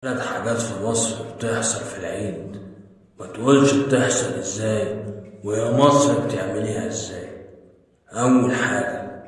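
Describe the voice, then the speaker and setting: A man's voice: lowish voice, moderate pace, very echoey, big-room sound, far from the mic, pitched below the performer's own voice, natural voice. A man acts out an older Egyptian father, tight-fisted and fond of handing out wisdom instead of money. He talks with an Egyptian accent and lectures in a dry, mock-solemn tone, in the style of a comedy sketch. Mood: lecturing. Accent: Egyptian Arabic.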